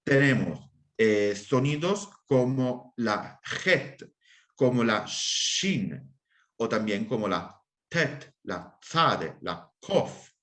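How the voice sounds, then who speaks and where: A man's voice: medium pitch, animated, drawn-out words, fairly bright tone. A man who is an assyriologist, explaining a lesson during an interview and checking in with his listeners often. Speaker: assyriologist lecturer.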